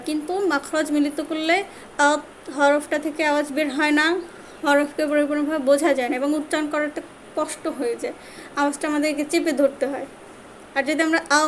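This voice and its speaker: A woman's voice: high voice, slight background noise. A woman teaching Quran recitation in an online tajweed lesson, patiently repeating each sound and drawing out syllables for students to copy. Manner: drawn-out syllable-by-syllable recitation drills.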